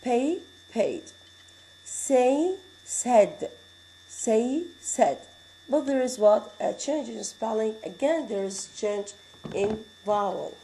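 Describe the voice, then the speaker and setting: Woman teacher, Arabic accent, mellow voice, patient and repetitive lecture delivery. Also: a little high, slight background noise, rough recording. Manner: explains slowly, repeating words and reading out examples; switches into Arabic to explain. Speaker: English grammar teacher. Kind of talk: classroom lecture.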